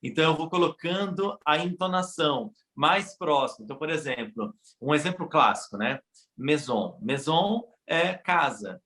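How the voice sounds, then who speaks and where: A Brazilian man talks in a casual, animated way, switching pace quickly and acting out little exchanges. His voice sits fairly high for a man, and the recording carries a noticeable room echo. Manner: animated, quick shifts of pace, acts out dialogue. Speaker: guest. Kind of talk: casual conversation.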